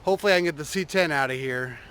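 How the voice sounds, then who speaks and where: A man talking casually and unscripted to his vlog viewers, rambling and halting as he thinks, outdoors in a driveway. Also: on the high side, fairly bright tone, clear, resonant tone. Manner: rambling, halting, trailing off mid-thought. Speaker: vlogger showing a truck build.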